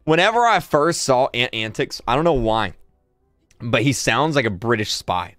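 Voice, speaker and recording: A man in his twenties hosting a casual livestream, excitable and quick to laugh, repeating words as he reacts. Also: medium pitch, dry recording, studio quality, faint music behind. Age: 20s. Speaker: livestream host.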